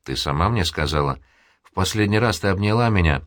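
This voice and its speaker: A man's voice: low-pitched, animated, brisk, a bit bright, no echo, studio quality. A man reading the part of a passionate young man who pleads for love. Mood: pleading. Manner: impassioned, pleading.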